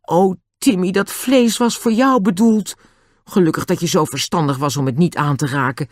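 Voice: mid-range voice, normal speed, dry recording, clean studio sound, voice pushed up, lightly acted. George, a narrator voicing a fierce girl. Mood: tender. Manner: tearful then scornful. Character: girl, fiercely protective and scornful.

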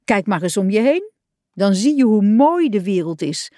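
A woman voicing a calm, wise male rat who is a traveller. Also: mid-range voice, normal speed, no echo, clean studio sound, close to an everyday voice. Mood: warm.

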